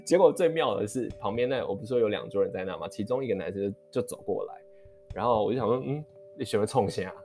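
A man speaks in a low, grounded voice, recounting a story for a vlog. He talks in quick, animated bursts, stumbling and restarting as he gets heated. Soft guitar music plays faintly behind him. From Taiwan. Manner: animated, heated retelling of an anecdote; quick, rambling with many restarts. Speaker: vlogger.

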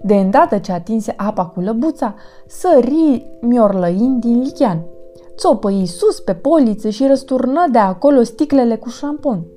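A woman hosting her own storytelling channel, reading a children's picture book aloud in an expressive, sing-song way. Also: a little high, faint music behind.

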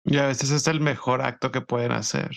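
Male podcast host, gravelly voice, calm supportive remarks. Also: medium pitch, brisk. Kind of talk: conversational interview.

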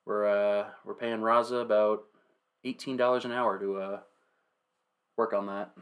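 Worn-out, low-voiced man podcasting late. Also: flat delivery, a little slow, smooth. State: very tired late at night, short on sleep. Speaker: podcast host. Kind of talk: casual sports talk.

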